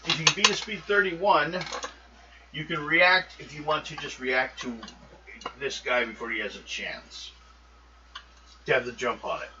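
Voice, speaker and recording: A man's voice: on the high side, unhurried, pauses often. A man narrating a tabletop game as game master, talking loosely with frequent ums. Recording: muffled, distant mic with steady noise.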